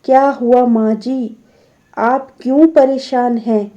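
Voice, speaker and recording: Woman voicing a gentle pleading daughter-in-law. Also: on the high side, steady tone, takes it slowly. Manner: pleading, polite.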